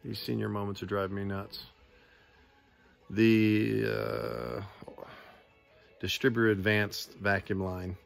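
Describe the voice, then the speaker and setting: A man in his fifties films a casual road-trip vlog on a handheld phone at arm's length while fixing his classic car in a sunny desert yard, joking at his own expense and groping for words. His voice is lowish, slow, and fried, with frequent pauses and soft music behind him.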